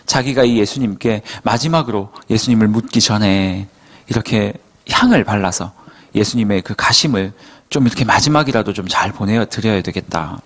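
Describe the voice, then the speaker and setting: A male pastor preaching a sermon as lively storytelling full of rhetorical questions. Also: lowish voice.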